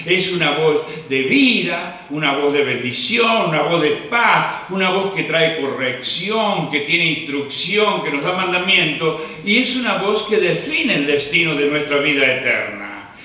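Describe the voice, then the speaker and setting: A man's voice: a little high, lively intonation, measured pace, few pauses, sharp tone. A man, preaching a sermon as pastor with a fervent, repetitive cadence. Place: church hall. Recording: echoey hall, distant mic.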